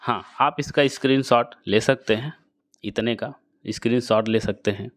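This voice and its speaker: A man teaching a chemistry lesson to students, explaining slowly and repeating key phrases as he addresses the class directly. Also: medium pitch, no echo, clean studio sound. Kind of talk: classroom lecture.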